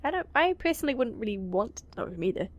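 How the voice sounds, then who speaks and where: A woman's voice: a little high, big pitch swings, lo-fi sound. Giggly woman reading a visual novel. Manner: giggly, quick asides, casual swearing. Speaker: let's play gamer. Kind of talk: casual let's play reading of a visual novel.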